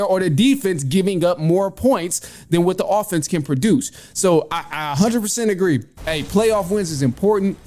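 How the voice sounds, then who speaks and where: His voice sits on the high side with a darkish tone as he hosts a sports show. The commentary is laid-back and opinionated, full of informal language and a bit of mild cursing.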